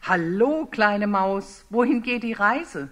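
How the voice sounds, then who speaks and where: An older woman voicing a sly, greedy fox in a loud, coaxing tone during a read-aloud. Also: medium pitch, animated, slow pace. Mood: coaxing, alarmed.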